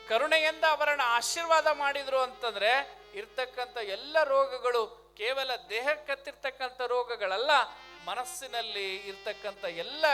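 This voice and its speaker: High bright-voiced preacher with North Karnataka accent. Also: male voice. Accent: North Karnataka Kannada. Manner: emphatic, repeats phrases for stress. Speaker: religious preacher. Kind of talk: storytelling sermon.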